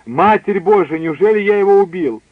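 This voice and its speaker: A man reading aloud who voices an excitable, edgy adult man, alarmed then taunting. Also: high voice, brisk, no room sound, voice pushed up. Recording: dry tinny phone-like line.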